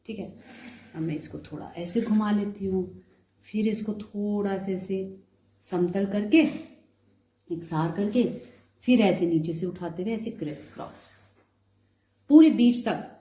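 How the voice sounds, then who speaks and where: A woman's voice: mid-range voice, a little slow, pauses often, dark tone. Woman, home cooking tutorial, chatty step-by-step, slightly sore throat, roomy echo. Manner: chatty, explains step by step, mixes in English words. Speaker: cooking video host. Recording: echoey room.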